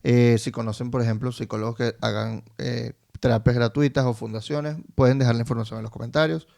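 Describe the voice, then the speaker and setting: A man co-hosting a casual podcast, giving calm, measured advice with fillers. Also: mid-range voice, vocal fry. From Venezuela. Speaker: podcast co-host.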